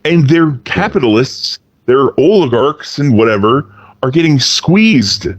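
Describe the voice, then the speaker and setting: A man co-hosting a casual political podcast, ranting profanely with big swings in pitch for emphasis. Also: big pitch swings, unhurried, no echo, lo-fi sound. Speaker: podcast co-host.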